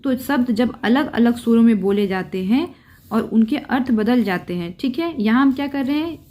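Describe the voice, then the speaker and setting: A woman's voice: a little high, expressive, normal speed, warm tone. A young woman teaching a grammar lesson. She explains patiently, repeats the key terms and asks questions that she answers herself.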